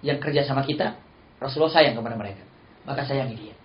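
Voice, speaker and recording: A male Islamic preacher, giving a lively sermon full of stories and acted-out dialogue. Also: mid-range voice, fast. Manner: animated, acts out dialogue, laughs often. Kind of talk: sermon with storytelling. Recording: roomy, slightly dull recording.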